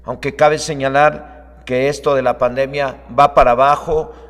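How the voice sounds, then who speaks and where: A man preaching an online sermon as a pastor, moving between calm teaching and fervent prayer. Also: medium pitch, normal speed. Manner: starts calm, then fervent, raising his voice to preach. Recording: long hall reverb.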